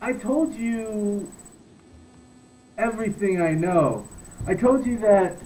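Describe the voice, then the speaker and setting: A man's voice: high-pitched, expressive, takes it slowly, darkish tone, a little hiss or hum, poor audio. A man putting on a coy shopkeeper woman. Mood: nervous. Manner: coy, then guarded and evasive. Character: flustered flirty female shopkeeper.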